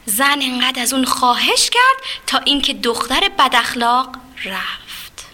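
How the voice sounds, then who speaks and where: An expressive woman telling a children's fairy tale, her voice high and bright. She leans toward young listeners and speaks to them directly as she reads. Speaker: storyteller. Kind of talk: children's storybook reading.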